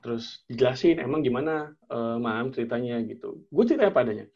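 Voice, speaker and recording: Chatting casually, a young man animatedly recounts something that happened to him, acting out the dialogue and tossing in plenty of slang and fillers. He has a mid-range voice and a quick pace, and the sound is lo-fi.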